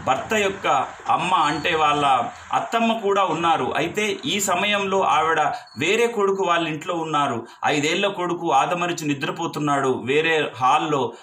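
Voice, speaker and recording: A man's voice: a little high, pushed and bright. A man narrating a devotional story with emotional, repetitive phrasing.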